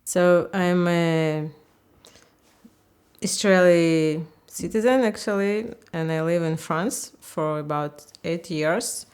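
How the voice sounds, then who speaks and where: A woman in her fifties from Ukraine, speaking English, talks haltingly in a candid interview and often searches for words. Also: lowish voice, a little mellow, clear, resonant tone. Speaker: interviewee, language teacher.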